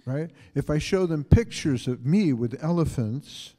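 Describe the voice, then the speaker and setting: An older man giving a calm spiritual lecture in short phrases, pausing for an interpreter. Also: on the high side. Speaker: visiting lecturer. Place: festival lecture hall. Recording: long hall reverb.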